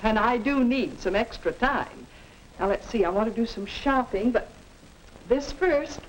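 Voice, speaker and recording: A busy happy 1950s film mom, proper and chirpy, highish, faint hiss. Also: female voice, expressive, unhurried. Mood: busy, pleased. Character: busy, contented 1950s housewife and mother. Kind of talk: 1950s educational film acting. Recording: noisy 1950s film soundtrack.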